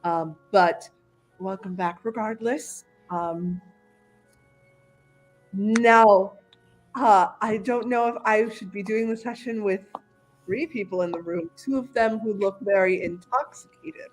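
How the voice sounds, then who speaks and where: A polite female therapist, as a woman game master puts her on, hesitant and probing, at an everyday pitch. Faint music plays behind her. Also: takes it slowly. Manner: hesitant, lots of ums and uhs. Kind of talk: tabletop role-play.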